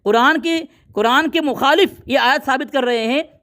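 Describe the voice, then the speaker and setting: A man in a heated religious debate, combative and commanding, who keeps shouting down his opponent and citing books at length. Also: very high voice, moderate pace. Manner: combative, commanding, repeatedly ordering silence.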